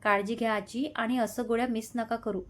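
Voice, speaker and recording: A woman's voice: fairly high pitch, fairly even intonation, a little fast, lightly acted. A woman voicing a nervous young office worker. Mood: worried. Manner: polite, hesitant with her boss, muttering when alone.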